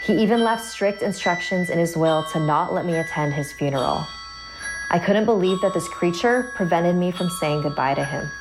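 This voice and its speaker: A woman's voice: lowish voice, animated, moderate pace. A woman narrating a scripted first-person horror story, with music behind her voice.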